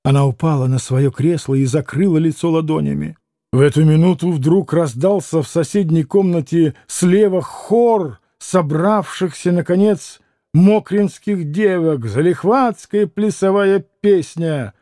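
A man reading a classic novel as an audiobook in a measured, expressive way. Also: fairly high pitch, no room sound, studio quality. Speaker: audiobook narrator.

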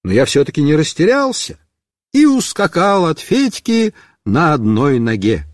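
A man's voice: fairly high pitch, sing-song, measured pace, no room sound, studio quality. A man narrating a children's story in the first person, telling it animatedly as a storyteller.

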